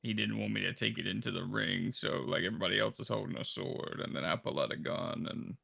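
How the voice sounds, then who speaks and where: A man's voice: low-pitched, fast, creaky, sharp tone, husky, dry recording, studio quality. A man playing in a tabletop game, chatting casually, rambling and stammering. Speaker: player.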